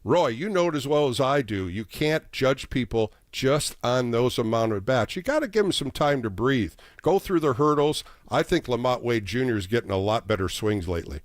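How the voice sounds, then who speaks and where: A man's voice: mid-range voice, lively intonation, moderate pace, few pauses, no echo, clean studio sound. A man hosting a live sports call-in show, talking casually and addressing callers by name. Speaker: sports radio call-in host.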